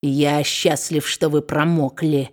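A woman's voice: deep voice, flat delivery, slow, voice pushed down. A woman reading an audiobook and voicing a cruel, spiteful male dwarf who mocks and snarls. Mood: gloating. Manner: snarling, mocking.

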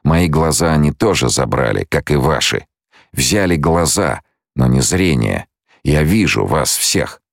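A calm, commanding blind prophet-leader, as a male reader plays him, speaking slow and measured. The voice stays very low and gravelly, with a dry, close sound. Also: no echo, exaggerated voice.

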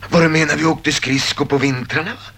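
A man's voice: on the high side, fairly even intonation, vocal fry, fairly bright tone. A man playing a despairing young soldier. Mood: agitated. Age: 20s. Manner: weary, hopeless, pleading. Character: weary despairing young male soldier back from war. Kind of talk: radio play acting.

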